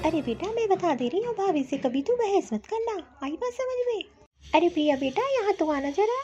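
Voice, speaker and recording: A woman voicing a gentle, peacemaking older mother-in-law in a cartoon, in a soft, lower voice. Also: very animated, moderate pace, highs cut off. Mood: soothing. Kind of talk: cartoon voice acting.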